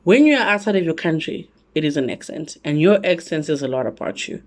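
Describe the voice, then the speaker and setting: A woman from South Africa with a South African accent, telling a travel story in a casual, animated vlog with lots of asides. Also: low-pitched, a little fast. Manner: animated, chatty, full of asides. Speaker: travel vlogger.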